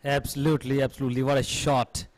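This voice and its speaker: A man's voice: medium pitch, little pitch movement, quick pace, no echo. Male cricket co-commentator, short clipped phrases. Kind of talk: live sports commentary.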